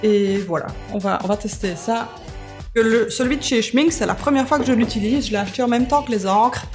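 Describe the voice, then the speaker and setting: A woman's voice: fairly high pitch, brisk, a little mellow, faint music behind. Chatty woman hosting a craft video. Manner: chatty, self-deprecating, many fillers. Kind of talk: casual coloring tutorial chat.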